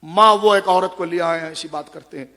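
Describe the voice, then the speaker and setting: A male preacher giving a sermon, telling a story with feeling and swinging between loud and hushed delivery, recorded in a large hall. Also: high voice. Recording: long hall reverb.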